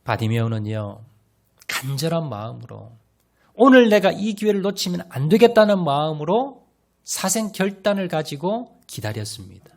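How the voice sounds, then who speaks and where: Dramatic pastor with a lively voice. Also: male voice, on the high side, normal speed, creaky. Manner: dramatic, swings from loud cries to hushed lines; addresses the congregation directly and often. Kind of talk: sermon.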